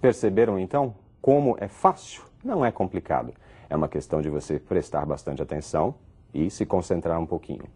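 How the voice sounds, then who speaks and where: A man from Brazil teaching an English lesson, reading English example lines aloud and explaining them slowly. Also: low-pitched, expressive, warm tone, husky. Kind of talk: recorded language lesson.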